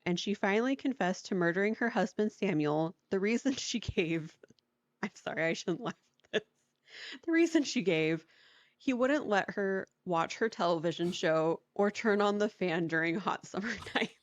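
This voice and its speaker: A woman's voice: medium pitch, expressive, moderate pace, dry recording. A woman co-hosting a podcast, telling a story in a casual, chatty way with lots of "like" and frequent laughter. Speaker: podcast co-host. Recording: dry, dull lo-fi sound.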